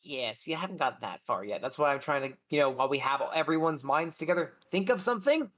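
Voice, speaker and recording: A man chatting casually as a tabletop game player, emphatic and quick to swear. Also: fairly high pitch, animated, fairly bright tone. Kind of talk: casual chat.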